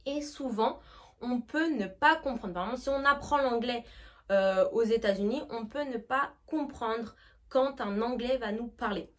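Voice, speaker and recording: A woman's voice: fairly high pitch, a little slow. A young woman from France, an English teacher, explaining to camera and often checking in with her viewers. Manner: lively, checks in often with "d'accord?".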